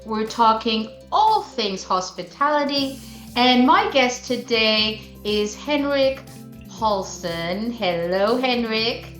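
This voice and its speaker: A woman's voice: fairly high pitch, lively intonation, takes it slowly, fairly bright tone, reverberant, soft background music. A woman sommelier hosting a casual interview, chatty and enthusiastic, with lots of fillers, over a video call. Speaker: sommelier host.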